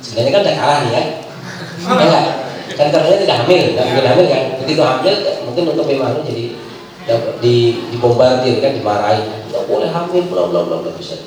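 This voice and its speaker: A man's voice: mid-range voice, fast, crowd noise. A man giving a chatty religious talk to an audience, telling stories with jokes and rhetorical asides. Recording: echoey room from far off with faint ambience.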